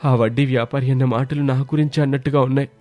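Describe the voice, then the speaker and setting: A man voicing a stubborn, status-obsessed young husband in an animated story. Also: medium pitch, quick pace, faint music behind, lightly acted. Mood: regretful. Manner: stubborn, boastful.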